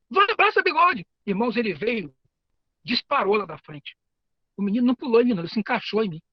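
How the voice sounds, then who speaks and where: Um homem com sotaque brasileiro que prega um sermão sincero, conta histórias e repete palavras e frases. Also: male voice, high voice, a bit bright, no room sound, highs cut off. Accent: Brazilian Portuguese. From Brazil. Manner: earnest, storytelling, repeats words and phrases. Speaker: preacher and teacher. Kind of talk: sermon.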